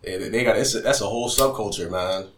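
A man co-hosting a casual chat, talking in a relaxed, rambling way full of filler phrases. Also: lowish voice, fast, echoey room, slight background noise.

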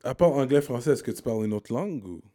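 A man's voice: medium pitch, animated, mellow. A man interviewing a guest in casual chat, asking questions and agreeing often. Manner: asks questions, lots of quick agreeing "ouais".

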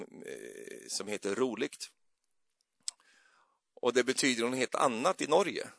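A man's voice: medium pitch, creaky, no room sound, studio quality. A man giving a loose, chatty sermon in a church, rambling and hesitant with many fillers and little jokes. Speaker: preacher. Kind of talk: conversational sermon.

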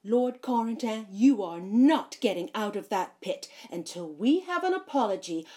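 A woman's voice: on the high side, lively intonation, moderate pace, mellow. An actress playing a scheming bandit woman who gloats over captives in an audio drama. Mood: gloating. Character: scheming female bandit lute player.

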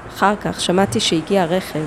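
A woman narrating a true-crime story, reading in a measured way with short, clipped phrases. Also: mid-range voice, fairly even intonation, background noise. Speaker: podcast narrator.

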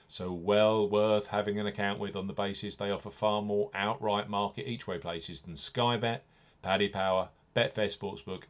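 Low-pitched man reading betting promos. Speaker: podcast host. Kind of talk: scripted betting promo read.

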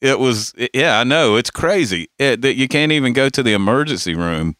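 Man, podcast co-host, casual chatty talker, bright tone, dry close sound. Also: mid-range voice, animated, a little fast, no room sound. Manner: laughs often, short agreeing replies. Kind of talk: casual profane chat.

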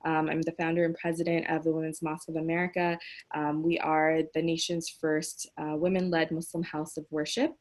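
Casting: woman host, low-ish voice, hesitant and filler-heavy, video call mic. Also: flat delivery, brisk. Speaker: host, mosque founder. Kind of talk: casual online panel hosting.

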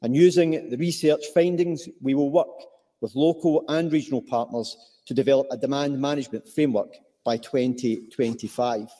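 A man's voice: mid-range voice, normal speed, dark tone. A man with a broad Scottish accent giving a formal, scripted speech as a politician in a parliament chamber. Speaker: government politician. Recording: echoey parliament chamber, played from video.

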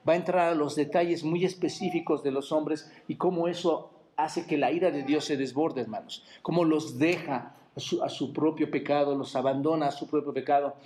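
Mexican man, pastor, preaching sermon, fairly high voice, rhetorical questions to the congregation. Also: steady tone, normal speed, few pauses. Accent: Mexican Spanish. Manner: repeats "hermanos" in a dropped, quiet voice. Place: church.

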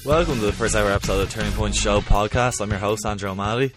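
A man's voice: lowish voice, racing, over loud music. A man with an Irish accent hosting a podcast, introducing and chatting in plain conversational language. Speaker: podcast host.

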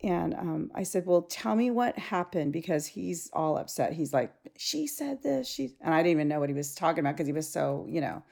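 Gravelly woman telling a frank story. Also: low-pitched, fairly quick, few pauses. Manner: animated storyteller, acts out dialogue, frank and blunt. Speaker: podcast co-host; school teacher. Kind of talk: casual chat, storytelling.

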